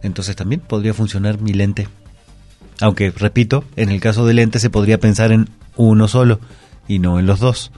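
A man's voice: on the low side, fairly even intonation, moderate pace, dark tone, soft background music. A man, explaining word usage carefully and methodically as a language expert on a talk segment.

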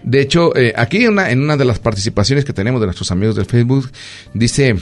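A man's voice: mid-range voice, quick pace. Mexican man telling stories with faint music. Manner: storytelling, animated, lots of fillers. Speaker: radio host and doctor. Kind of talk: casual radio chat.

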